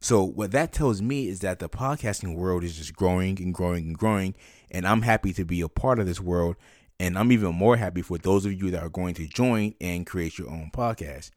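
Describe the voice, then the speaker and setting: Man, deep-pitched voice, podcast host, conversational teaching, direct one-to-one address, dry close recording. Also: normal speed, a little mellow, no room sound. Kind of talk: instructional solo podcast talk, conversational.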